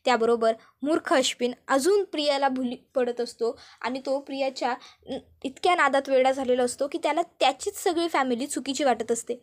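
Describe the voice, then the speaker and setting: A woman's voice: sits high, fairly quick. A woman narrating a recap of a family drama serial in a storytelling manner.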